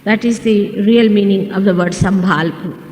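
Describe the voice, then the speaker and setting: A woman, a spiritual teacher giving a measured lecture and explaining words one by one, heard in an old archival recording. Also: mid-range voice, a little mellow. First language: not English. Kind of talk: slow spiritual lecture to an audience. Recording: old echoey hall recording with faint hiss.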